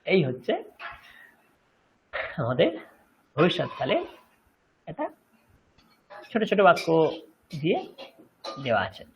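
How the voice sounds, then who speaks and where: A man's voice: fairly high pitch, very animated, slow pace, long pauses, a little hiss or hum. A man from West Bengal with a Bengali accent, teaching a Sanskrit class and patiently checking that his students follow. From West Bengal, India. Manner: patient, explanatory, checks understanding. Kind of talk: online class lecture. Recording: dull lo-fi audio.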